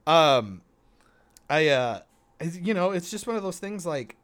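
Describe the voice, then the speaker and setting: A man's voice: on the high side, big pitch swings, unhurried, a bit bright. A man in a casual, opinionated chat, speaking emphatically and swearing heavily.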